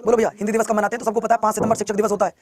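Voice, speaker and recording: A male online exam coach runs a live class, firing questions at students. His voice is high-pitched and flat, and he repeats each question while pushing students to answer fast.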